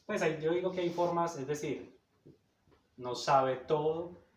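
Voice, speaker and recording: Speaking a little slowly in a voice on the high side, a man lectures on psychoanalysis with emphatic, didactic delivery and repeated "cierto?" check-ins. The echoey room and his distance from the microphone give the recording a roomy sound.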